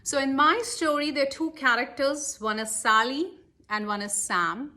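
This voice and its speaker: A middle-aged woman with an Indian accent, working as a life coach, tells motivational stories while speaking emphatically and directly to her listeners. Her high voice sounds pushed and bright, and she talks at a normal speed.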